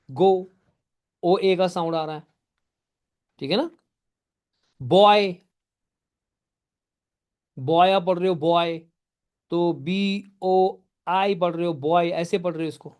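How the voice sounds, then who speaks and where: Guy teaching an online class, highish voice, keeps asking "ok?" and walks through examples step by step. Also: a little mellow, clean tone. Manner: addresses students by name and answers their typed questions. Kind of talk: live online class lecture.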